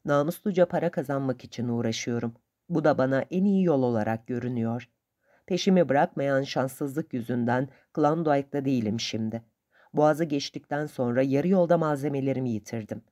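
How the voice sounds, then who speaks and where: A woman voicing a greedy, sharp-tongued male boatman who answers back in quick, defiant retorts. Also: rumbling low. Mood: grumbling.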